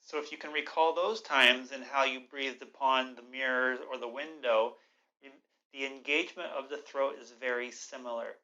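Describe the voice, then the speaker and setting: A man giving an instructional yoga breathing lesson in a measured, explanatory, gently instructive way. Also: mid-range voice, steady tone, muffled recording, slight background noise.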